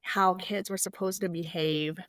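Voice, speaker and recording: A woman's voice: fairly low pitch, steady tone, a little slow, dry recording. A woman from Indonesia, a podcast guest, speaking casually with many fillers and restarts. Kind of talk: casual interview.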